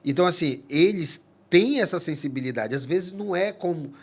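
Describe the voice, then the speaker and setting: This earnest man from Manaus, Amazonas, Brazil, is a psychologist appearing as a guest in a casual podcast conversation. His voice sits on the high side with lively intonation, and he talks haltingly, restarting often.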